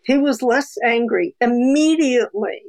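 A documentary filmmaker from New Jersey, USA, tells a personal story in a casual interview, candid and chatty with many fillers. Her voice is on the high side and a little mellow, at a measured pace.

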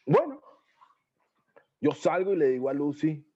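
A man's voice: on the high side, measured pace, husky, highs cut off. A young adult man with a Venezuelan accent, telling stories as an interview guest and acting out the voices of people in them. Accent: Venezuelan Spanish. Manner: animated, acts out quoted voices, slangy. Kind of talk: casual storytelling interview.

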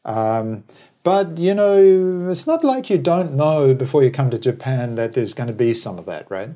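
A New Zealand-born man who later lived in Australia and runs a travel business speaks as an interview guest, rambling and opinionated, with wry anecdotes. His voice is medium-pitched and sing-song, with a dark tone and a moderate pace. It's conversational interview commentary.

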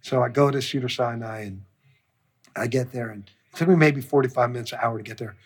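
Husky-voiced man telling a story, swearing. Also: medium pitch, fairly quick. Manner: profane, animated storyteller who acts out quotes. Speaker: music producer. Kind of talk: storytelling interview.

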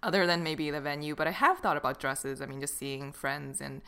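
A woman co-hosting a casual podcast, giggly and playful, with a tired, hoarse voice. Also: low-pitched, a little fast, bright, forceful tone. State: hoarse, tired vocal cords. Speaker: podcast co-host. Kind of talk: casual chat.

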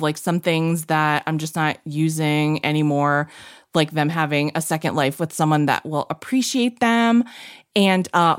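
A woman co-hosting a podcast, telling stories in a chatty, animated way with lots of fillers. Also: on the low side, dry recording, clean studio sound. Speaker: podcast co-host. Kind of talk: casual chat.

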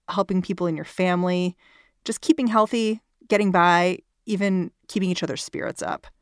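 A woman podcast host with a slightly low voice speaks in a conversational, scripted style. She is recorded in a closet at home, so the sound is dry and close, with no room ring. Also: no room sound.

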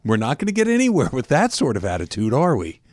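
A man putting on the voice of a calm, condescending soccer coach soothing a player. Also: mid-range voice, fast talker, no room sound.

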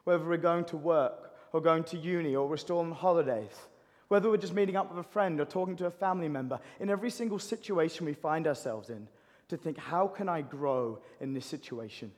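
A man preaching a sermon, animated and building to impassioned pleading. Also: fairly high pitch, fairly quick. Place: church hall. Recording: long hall reverb.

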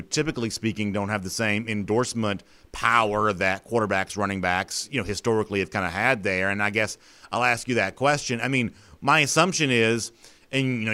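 A man's voice: on the low side, pushed and bright. A man hosting a sports talk show, thinking aloud in a conversational, opinionated way with plenty of fillers.

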